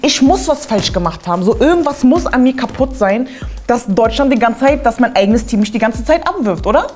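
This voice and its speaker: A woman host riffs through a comedic monologue with a fairly high voice. She is animated and slangy, and her talk is full of asides. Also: a little fast, music in the background. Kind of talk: comedic straight-to-camera monologue.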